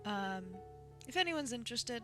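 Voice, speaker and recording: A woman's voice: on the high side, lively intonation, moderate pace. Sing-songy woman streaming a game. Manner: chatty, sing-songy, talks to her chat. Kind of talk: casual gameplay commentary. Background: game music.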